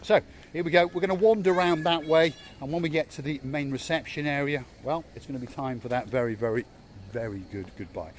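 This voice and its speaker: A man with a slightly high voice, talking a little fast, hosts a casual walking-tour vlog at an outdoor holiday resort. He's chatty and playful, teasing his companion as he films outdoors, with faint outdoor background noise.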